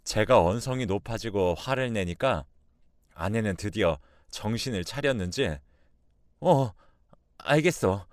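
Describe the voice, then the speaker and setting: A man in his thirties narrating a first-person radio drama story, calm in the telling and shouting at the tense moments. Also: lowish voice, moderate pace, clear, resonant tone, no echo, clean studio sound.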